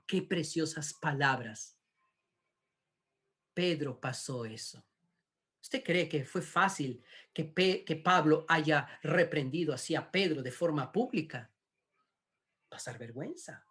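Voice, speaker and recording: Slow, emphatic preacher. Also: medium pitch, lively intonation, fairly bright tone. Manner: slow, emphatic, rhetorical questions. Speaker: pastor. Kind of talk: sermon.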